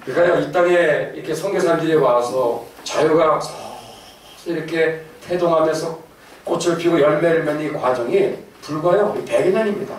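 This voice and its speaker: Middle-aged male lecturer, slightly high voice, animated and joking, caught from far off in an echoey hall. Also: moderate pace, a little hiss or hum. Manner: animated, laughing asides, questions to the audience. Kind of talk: lively lecture to an audience.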